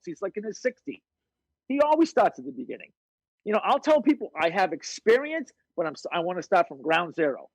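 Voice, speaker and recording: Brief: male fitness coach guest, husky and fairly high voice, swears freely, tells punchy stories. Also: dry recording, rough recording. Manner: blunt, profane, animated storyteller. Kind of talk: casual interview storytelling.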